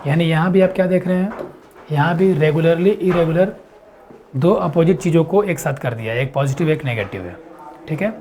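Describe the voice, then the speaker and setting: A man teaching an exam-prep lesson, explaining step by step and answering his own questions, reading quiz lines slowly. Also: a little high, darkish tone. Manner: reads English quiz lines slowly and deliberately.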